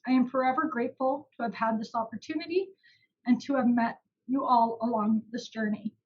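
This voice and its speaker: Young woman giving a heartfelt grad speech, breathy voice, kinda muffled audio. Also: a little high, a little fast. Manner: emotional, heartfelt. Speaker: valedictorian. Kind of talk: graduation speech. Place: online ceremony.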